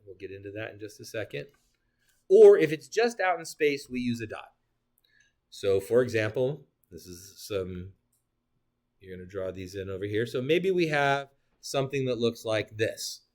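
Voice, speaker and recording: A man's voice: on the low side, normal speed. A male geometry teacher giving a classroom lecture, explaining definitions with playful asides and questions to his students. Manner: animated, joking asides, talks to students.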